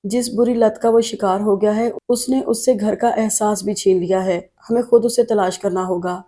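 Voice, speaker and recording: Woman reading caring big sister, earnest and soothing, mellow voice. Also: mid-range voice, fairly even intonation, close to an everyday voice. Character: young woman, worried and caring elder sister.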